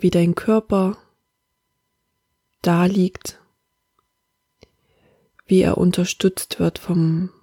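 A woman leading a guided meditation in a soft, half-whispered, calm and soothing manner. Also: on the low side, gravelly, slightly rough, dry recording, clean studio sound.

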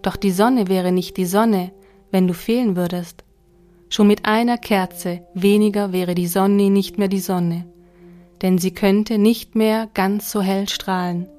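Kind patient god done by a woman reader, calm and gentle, faint music behind. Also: medium pitch, measured pace, natural voice.

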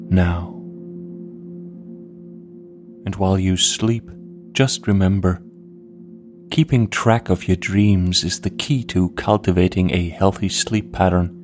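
A man playing a meditation guide, speaking in a soothing, slow guided-meditation manner, with music behind. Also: low-pitched.

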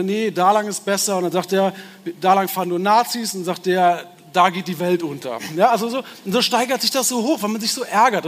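A man's voice: high-pitched, slightly rough. A man giving a public talk, thinking aloud and briefly acting out the voices he quotes. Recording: hall reverb with faint background noise.

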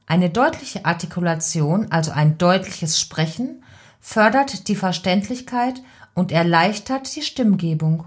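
A woman voice coach giving calm, deliberate advice in an instructional podcast. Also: fairly low pitch.

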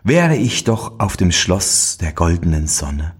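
A man's voice: sits low, very animated, slow pace, husky, exaggerated voice. A man voicing a bold young wanderer in a storybook fairy tale, earnest and eager. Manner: earnest, brave.

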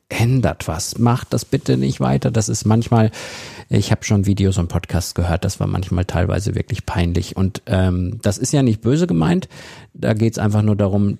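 A man's voice: deep voice, creaky, dark tone, breathy edge, no echo, studio quality. A man hosting his own podcast, giving direct, conversational advice to listeners in a plain-spoken way. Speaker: podcast host and consultant. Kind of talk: casual solo podcast advice.

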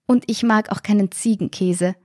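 A woman's voice: medium pitch, steady tone, moderate pace, darkish tone, no echo, studio quality, voice pushed up, close to an everyday voice. Woman reading as an indignant shopper. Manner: indignant, raised voice. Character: annoyed young woman shopper.

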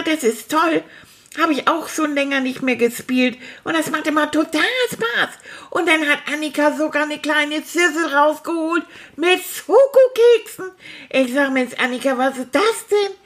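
A woman voicing a sulky, childlike male character who chats theatrically and makes sound effects in a comic monologue. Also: high voice.

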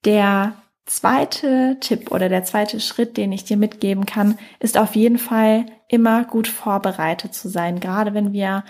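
Calm woman coaching the listener. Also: mid-range voice. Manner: calm, addresses the listener directly, with occasional filler pauses. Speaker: speaking coach. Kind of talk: instructional talk.

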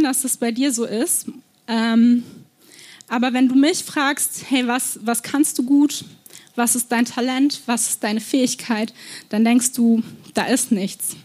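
A young woman preaches with a fairly high voice, earnest and personal. She tells stories from her own life and often stops on small fillers as she speaks. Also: darkish tone. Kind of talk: sermon.

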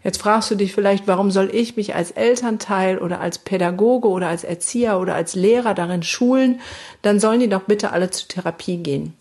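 A woman's voice: medium pitch, a little fast, darkish tone, breathy edge. A woman who trains trauma therapists, explaining in an educational talk, speaking straight to the listener and sometimes acting out sing-song baby talk.

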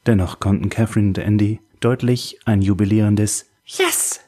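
Low, husky male narrator. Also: fairly even intonation, normal speed, dark tone. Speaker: audiobook narrator. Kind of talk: scripted narration.

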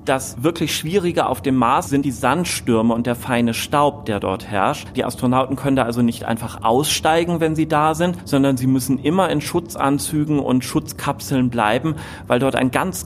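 A male expert with a mid-range voice explains things to children in simple, informal terms. He is patient and plain-spoken, with faint noise in the background. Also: medium pitch. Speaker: astronomy expert, interview guest.

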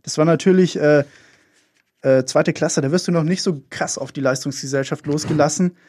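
Young man co-hosting radio, halting and wry. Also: fairly high pitch, a little mellow, a little hiss or hum. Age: young adult. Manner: hesitant, many fillers, wry self-mocking. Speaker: radio co-host. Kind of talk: casual radio chat.

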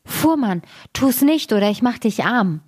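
A woman reading a fairy tale aloud, voicing a bold, vengeful male sparrow in a high, sharp, taunting tone. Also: normal speed, no echo, studio quality, close to an everyday voice. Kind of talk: storybook reading.

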